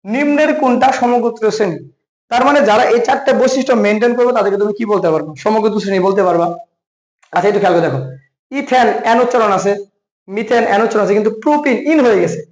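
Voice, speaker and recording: Bangladeshi bengali guy tutoring chem, fast and high-pitched, quizzes you then answers himself, echoey room. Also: darkish tone. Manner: addresses viewer as brother. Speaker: chemistry tutor. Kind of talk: exam-prep lecture.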